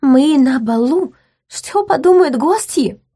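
A woman voicing a spoiled, possessive young duchess who chirps and turns shrill and indignant. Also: lively intonation, unhurried, mellow, breathy edge, exaggerated voice.

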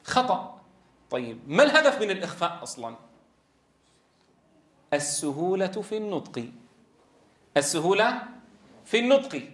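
In a classroom with a board and an echo, a man teaches tajweed, walking through Quran recitation step by step, quizzing students and stretching sounds to show them. He speaks at a moderate pace, very animated, high-pitched and a bit bright, with long pauses.

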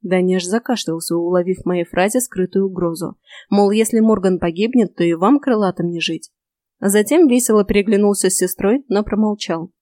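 A woman narrating an audiobook in the first person, in an even storytelling manner, recorded close to a studio mic. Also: medium pitch, brisk, no room sound.

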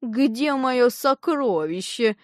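A woman voicing a plump, disguised fake father with a thin, tearful voice, speaking slowly and sweetly in an audiobook. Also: a little high, lively intonation, dry recording, clean studio sound. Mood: cloying. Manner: slow and drawn-out. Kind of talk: audiobook reading.

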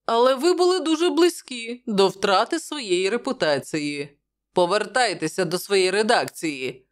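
A woman's voice: medium pitch, voice pushed up. A woman voicing a jovial, wry male journalist who talks in a bantering way.

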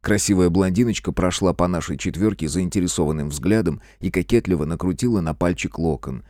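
A man narrating a first-person audiobook in a wry, expressive way. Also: low-pitched, brisk, dry recording, clean studio sound.

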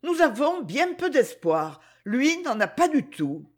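A wealthy older aristocratic lady, voiced by a woman reading a novel aloud, speaks with polite, faintly condescending formality. Her voice sits higher than the reader's own and moves with lively rises and falls. A breathy, husky edge runs through it. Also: slow pace, exaggerated voice. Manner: banal, slightly condescending politeness.

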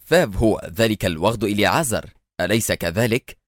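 A man voicing a calm, sarcastic male secret agent hero in an audiobook thriller. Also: lowish voice, brisk, close to an everyday voice. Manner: cool and sarcastic.

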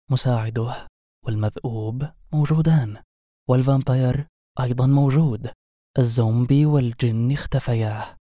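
A man with an Egyptian accent narrating a comic audiobook novel in a plain, steady storytelling voice. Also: medium pitch, no echo, studio quality. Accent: Egyptian Arabic.

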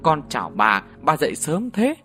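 A man's voice: fairly high pitch, huge pitch swings, normal speed, pushed and bright, faint music behind, heavily acted. A man voicing a blunt young village wife, pressing with questions. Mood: urgent. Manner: pressing, insistent.

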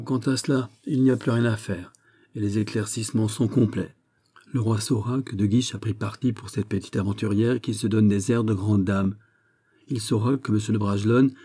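A man reading an audiobook, voicing a haughty, sharp-tongued young princess with ironic, exasperated questions. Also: on the low side, natural voice.

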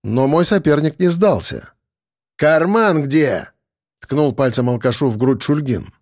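A man narrating a first-person audiobook in a wry, lively storytelling manner. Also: mid-range voice, moderate pace, no echo, clean studio sound.

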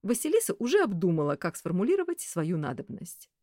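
A woman's voice: fairly low pitch, a little fast, no room sound, studio quality. Woman narrating an audiobook expressively. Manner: expressive storytelling.

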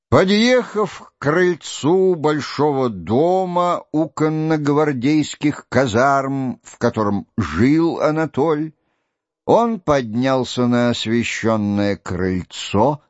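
A man reading a classic novel aloud in slow, measured literary narration. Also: dry recording, lo-fi sound. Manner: slow, measured reading, voicing quoted shouts louder and higher. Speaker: audiobook reader.

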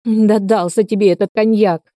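A woman's voice: medium pitch, steady tone, moderate pace, mellow, dry recording, clean studio sound, pitched above the performer's own voice, natural voice. A woman voicing a hysterical, doting middle-aged mother who shrieks and wails over her son. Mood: shrill hysterical. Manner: shrieking, wailing.

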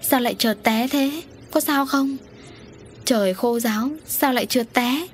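A woman voicing a scheming rich village wife who panics over ghosts, in a raised, shrill voice. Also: normal speed, faint music behind, natural voice. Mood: panicked.

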